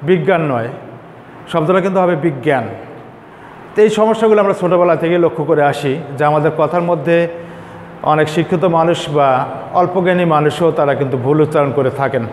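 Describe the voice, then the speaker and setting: High-voiced man teaching in an echoey room. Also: a little hiss or hum. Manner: explains slowly, repeats words as examples. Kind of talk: classroom lecture on pronunciation. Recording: echoey room with faint ambience.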